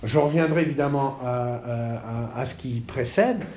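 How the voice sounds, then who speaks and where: A man teaching a classroom text study, halting and repeating words, then stressing key points with energy. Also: medium pitch, a little mellow, roomy sound, slight background noise.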